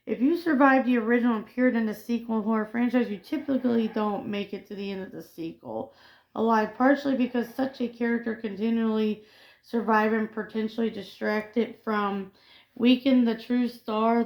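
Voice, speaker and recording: A fairly high-pitched woman co-hosts a relaxed pop culture chat, reading out film trivia and tripping over her words before correcting them. The recording sounds dull and lo-fi. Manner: reads facts aloud, often stumbling and correcting words. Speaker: co-host.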